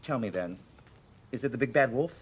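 An actor plays a sensible, caring middle-aged man in a children's show. He speaks earnestly and reassuringly, with lively inflection at a medium pitch. The soundtrack is very noisy. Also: brisk, lightly acted.

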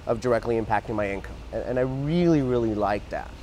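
A man's voice: medium pitch, fast talker, a little mellow, a little hiss or hum, poor audio. A man in his thirties, born in Mexico and raised in Texas, earnestly telling his story as an interview guest outdoors on a lapel mic. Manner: earnest, talks with his hands, frequent restarts. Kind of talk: casual interview. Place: outdoor garden plaza.

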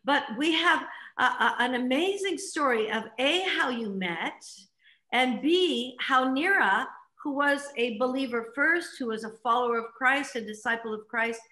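Bright, enthusiastic woman host on a video call. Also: sits high, lively intonation, a little slow. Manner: enthusiastic, chatty with many fillers. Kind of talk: online interview chat. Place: living room at home. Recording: echoey room.

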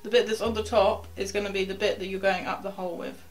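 With faint music behind her, a young sailing instructor talks quickly through each step of tying a knot, chatty and mid-range in voice with little rise and fall, slipping in quiet asides as she works the rope. The camera sits close to her in a small wooden cabin.

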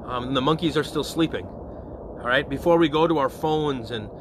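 Speaking at normal speed in a mid-range voice, a parish priest gives a relaxed evening prayer reflection against background noise. His conversational style includes regular check-ins like "okay?" and "all right?"

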